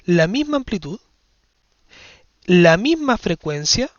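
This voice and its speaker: A man with a fairly high voice explains physics to his class, step by step, checking that students follow. The recording is dry and a little dull. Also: sing-song, slow, dry recording. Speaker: science teacher. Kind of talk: physics lesson explaining exam questions.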